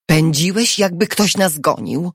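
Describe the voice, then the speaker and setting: A woman reading an audiobook who voices a frightened, quick-tempered young wife in a raised, pleading voice. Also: fairly low pitch, very animated, slightly rough, no room sound, studio quality, full character voice. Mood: anxious, urgent.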